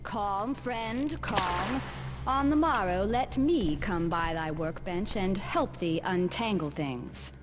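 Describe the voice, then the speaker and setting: An actress playing a calm, devout, kindly female mechanist in a fantasy video game, speaking in formal, measured archaic phrases. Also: medium pitch, background noise, close to an everyday voice. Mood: soothing. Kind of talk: video game character dialogue.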